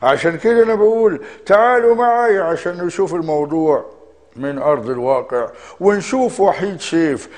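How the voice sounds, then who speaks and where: A man's voice: fairly high pitch, brisk, darkish tone, in a large hall. A man with an Egyptian accent, a comedy guest on a TV morning show, speaking with mock seriousness. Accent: Egyptian Arabic. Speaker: stand-up impressionist guest.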